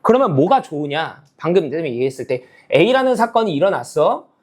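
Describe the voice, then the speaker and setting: A man's voice: fairly high pitch, very animated, normal speed, a little mellow. A male math teacher giving a casual classroom lecture, checking in with students again and again with a rising "okay?" and "got it?". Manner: casual, talks down to students' level.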